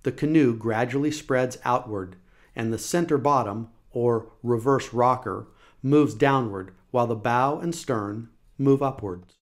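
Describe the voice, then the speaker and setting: Man, documentary narrator, scripted, measured even delivery. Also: medium pitch.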